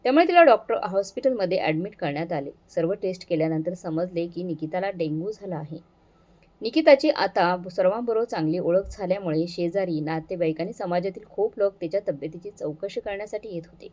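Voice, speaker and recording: A woman storyteller narrating a moral family story in a steady, earnest reading. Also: fairly low pitch, brisk.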